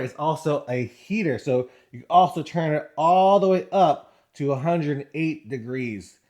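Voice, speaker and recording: A man's voice: a little high, a little mellow. A man from the United States giving a casual vlog-style product review, informally repeating and rephrasing his points.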